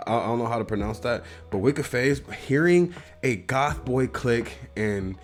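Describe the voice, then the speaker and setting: A man's voice: medium pitch, animated, normal speed, faint music behind. A man from the US Midwest with a Midwestern accent, hosting his own show and giving a loose, rambling, profane album review. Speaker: host.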